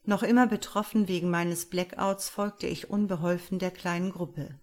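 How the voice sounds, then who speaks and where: A woman narrating an audiobook in a measured, expressive storytelling manner. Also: on the low side.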